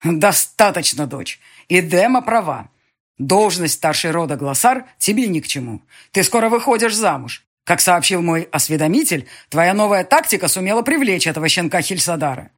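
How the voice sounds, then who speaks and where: A woman's voice: lowish voice, expressive, normal speed. A woman voicing a stern dragon lord father. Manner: commanding, gruff.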